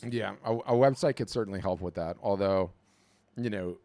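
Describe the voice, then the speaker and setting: Male webinar host, low voice, energetic coaching talk with quick restarts. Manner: energetic, animated, repeats words when starting a thought.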